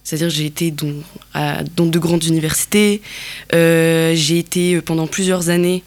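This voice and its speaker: A woman from Algeria speaks as an interview guest. She talks in a reflective way, pausing and rephrasing often as she works out her thoughts. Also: low-pitched, fairly even intonation, a little mellow. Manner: thoughtful, many fillers and restarts.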